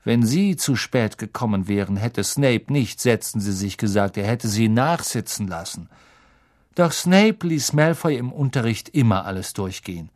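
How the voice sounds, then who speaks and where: A man narrating a children's novel as an audiobook in an expressive storytelling style. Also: mid-range voice, a little slow. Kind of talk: scripted narration.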